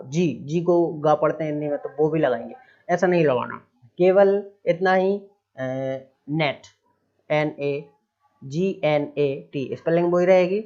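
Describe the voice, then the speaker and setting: A man teaching an English spelling lesson step by step, asking his own questions, answering them, and often checking in with "right?". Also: fairly high pitch. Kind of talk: spoken grammar lesson. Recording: dull lo-fi sound.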